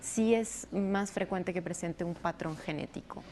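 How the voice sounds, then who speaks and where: A woman doctor answers interview questions in a lowish voice, explaining step by step with fillers here and there. Faint noise hums behind her. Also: gravelly, a little mellow. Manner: explanatory, measured, frequent fillers. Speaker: rheumatologist guest.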